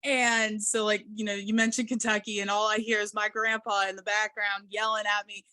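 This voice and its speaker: Bright, dry-sounding American woman host. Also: medium pitch, level tone, moderate pace, no echo. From American Midwest and South. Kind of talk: casual interview chat.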